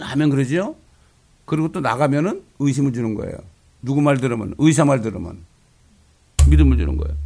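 A man preaching a sermon as a pastor, emphatic and often asking his congregation a quick question. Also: medium pitch, vocal fry, a little mellow.

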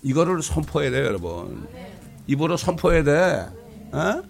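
A man preaching a sermon as a pastor, emphatic and often asking his congregation a quick question. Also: on the high side, sing-song, creaky.

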